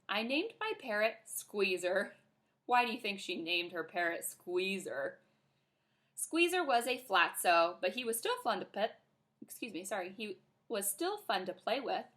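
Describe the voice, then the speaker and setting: Woman reading a children's book aloud, bright, very lively voice. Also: mid-range voice, moderate pace. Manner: expressive, animated. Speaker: reader.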